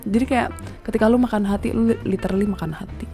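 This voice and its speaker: A woman, co-hosting a film review in casual, animated banter. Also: mid-range voice, fast talker, faint music behind. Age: 20s. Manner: animated, laughs often, slangy Jakarta-style banter. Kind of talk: casual chat.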